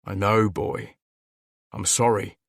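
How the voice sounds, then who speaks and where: A man's voice: on the low side, level tone, slow pace, no echo, studio quality. A man voicing a troubled, guarded young shifter who talks tensely and blames himself. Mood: uneasy.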